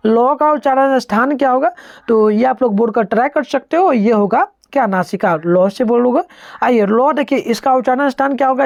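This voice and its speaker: A woman's voice: fairly high pitch, darkish tone, no echo. A woman teaching an online exam-prep lesson, going through answers step by step and having students say sounds aloud.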